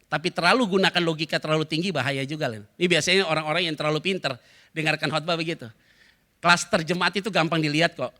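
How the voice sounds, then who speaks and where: A man's voice: fairly high pitch, bright, forceful tone. A male pastor from Indonesia, preaching a sermon in a joking, conversational way, full of acted asides. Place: church hall.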